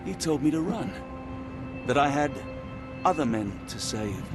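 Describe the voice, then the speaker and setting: An actor playing an earnest, anxious gentleman doctor in a video game, with a British accent and formal, expressive delivery. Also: mid-range voice, unhurried. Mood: regretful, sombre. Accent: British English. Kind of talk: dramatic video game cutscene acting. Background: music.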